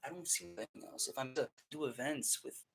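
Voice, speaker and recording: This male streamer's voice is creaky and a little rough, pitched in the middle and moving at a moderate pace. Chatting to himself, he rambles profanely, keeps interrupting and restarting his sentences, and slips back and forth between Spanish and English.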